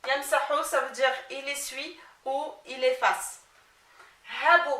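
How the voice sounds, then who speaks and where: A woman teacher with a bright, higher voice speaks slowly and patiently, sounding out letters and vowel marks one by one for a young learner. She is recorded a little away from the mic in a roomy, echoing space. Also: fairly even intonation. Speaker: Arabic teacher. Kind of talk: slow spelling-out lesson for a child. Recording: echoey room, mic at a distance.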